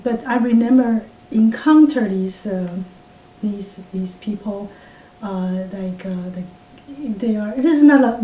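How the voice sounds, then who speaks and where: A Taiwanese woman in her fifties recalls her past in an oral history interview, speaking English as a second language with a Taiwanese accent. Her warm voice is halting, full of fillers and restarts. The mic is distant in a roomy space, with a faint rumble.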